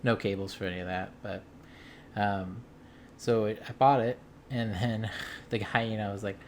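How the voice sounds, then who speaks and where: A video game collector vlogger from the US Midwest tells a story in relaxed, rambling chat, using a lowish voice at a moderate pace. He sounds amused, filling pauses with ums and uhs and restarting sentences. Behind him there's faint room ambience and a little hiss or hum.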